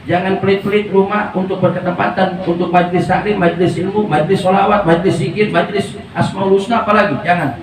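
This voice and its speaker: A man gives an informal, joking sermon in a high, bright register. He sounds far from the mic, in a very echoey hall with faint background noise. His delivery is lively and full of slang. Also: a little fast, few pauses. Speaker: religious preacher.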